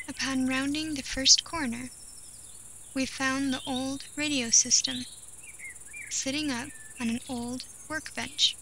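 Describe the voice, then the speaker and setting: A woman tells a first-person horror story in a fairly high voice with a bright, forceful tone. She speaks deliberately and at a measured pace, leaving storyteller's pauses, as birds and insects sound clearly in the outdoor background.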